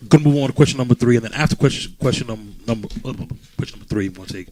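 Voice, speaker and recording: A man's voice: mid-range voice, very fast, a crowd in the background, poor audio. A man hosting a podcast panel in casual chat, laughing easily and restarting his sentences. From New York. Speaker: podcast host.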